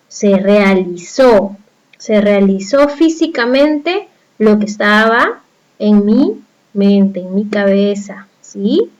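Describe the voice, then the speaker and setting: A Peruvian woman teaching a video lesson, her voice sitting a little high. She takes her time, explaining step by step and stopping to check with her viewers through rhetorical questions. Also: poor audio. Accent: Peruvian Spanish. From Peru.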